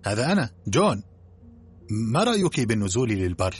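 A man voicing a hesitant, polite middle-aged colonel in an audiobook, flustered and mild, with a husky voice. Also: lowish voice, sing-song, fairly quick, voice pushed up, heavily acted.

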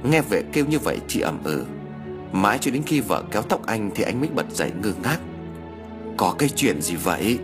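Lively male storyteller narrating. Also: fairly low pitch, brisk, over music. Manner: dramatic, swings into character voices. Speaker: audiobook narrator.

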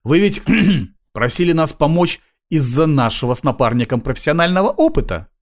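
A man's voice: fairly high pitch, sing-song, normal speed, voice pushed up. A man voicing a cocky, self-important middle-aged male street cop.

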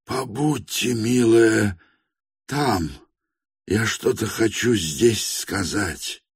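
A man voicing a frail, tearful older gentleman in an audiobook reading, faltering and breathless. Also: lowish voice, very slow, breathy edge, dry recording, clean studio sound, pitched above the performer's own voice, exaggerated voice. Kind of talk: audiobook character voice.

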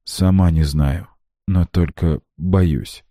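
A man's voice: sits low, steady tone, takes it slowly, dark tone, dry recording, clean studio sound. A man voicing a frightened, pleading young woman in an audiobook reading. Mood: fearful. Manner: trembling, pleading.

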